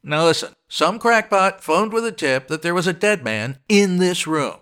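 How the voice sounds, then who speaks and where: A 1940s homicide cop from a noir radio play. He is brusque and skeptical, with forceful, sharp delivery and lively swings of pitch, firing off old-time beat-cop slang. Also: normal speed, clean tone. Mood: impatient, dismissive. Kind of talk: old-time hardboiled detective radio acting.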